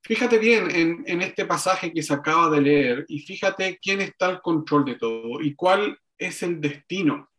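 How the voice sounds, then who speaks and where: Slow-spoken pastor, man, reflective. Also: a little high, animated, a bit bright. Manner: slow, reflective, with frequent pauses and restarts. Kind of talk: sermon. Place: online service.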